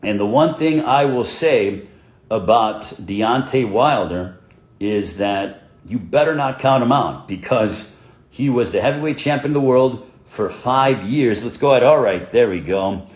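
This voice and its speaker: A male host runs a livestream interview in a brisk, upbeat way. He fills the gaps with plenty of fillers as he frames his questions. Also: medium pitch, animated.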